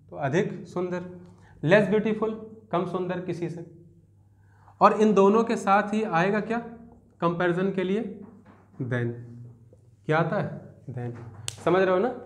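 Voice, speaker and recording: Male grammar teacher with a Hindi accent, high-pitched, echoey classroom lecture. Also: lively intonation, unhurried, pauses often. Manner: explains step by step, asks rhetorical questions, repeats answers back. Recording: roomy echo.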